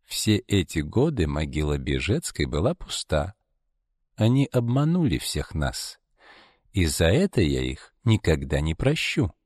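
Brief: male reader doing a reclusive woman fortune-teller, low, quiet, unhurried, icy. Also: sing-song, no echo, clean studio sound, heavily acted. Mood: cold, hushed. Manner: quiet, slow, ominous. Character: cold secretive grown woman fortune-teller, small, reclusive.

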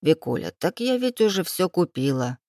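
A woman voicing a doting elderly village grandmother who talks slowly with a lowered, sighing voice. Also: a little mellow, no room sound, clean studio sound. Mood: fussing.

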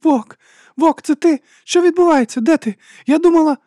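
A woman's voice: fairly high pitch, a little fast, mellow, dry recording, studio quality, voice pushed up, close to an everyday voice. A male audiobook reader voicing a desperate young woman calling over a radio, speaking in urgent, breathless pleas. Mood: frantic.

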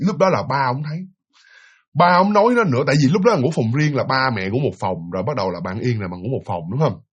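Man, ghost story narration, husky, lively pitch swings. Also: fast, highs cut off. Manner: animated, chatty, addresses listeners directly.

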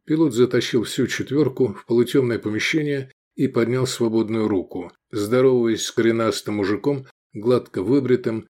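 A man narrating an audiobook with expressive, animated reading. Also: mid-range voice. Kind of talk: scripted narration.

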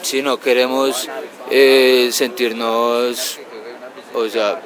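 A man from a punk band talks in a rough, slangy way, sometimes mocking others in a sing-song voice. His voice is mid-pitched and ordinary. A loud outdoor crowd rumbles behind him. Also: level tone, very slow, poor audio. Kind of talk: casual interview answers.

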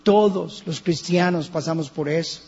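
Colombian male pastor, husky and fairly high, dramatic sermon delivery, reverberant lo-fi church recording with hum. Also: moderate pace. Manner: preaching with dramatic shifts between hushed and loud. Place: church hall.

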